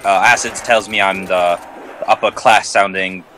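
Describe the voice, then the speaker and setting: Young guy doing a posh upper-class Brit, low voice, noisy line. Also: steady tone, normal speed, close to an everyday voice. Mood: mock posh. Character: upper-class British bloke, young man.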